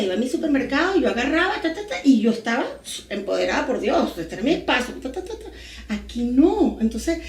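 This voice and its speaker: A Venezuelan woman in her forties, a podcast guest telling her story in a lively, animated way with little sound words. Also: high voice, roomy sound. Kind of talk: casual podcast interview.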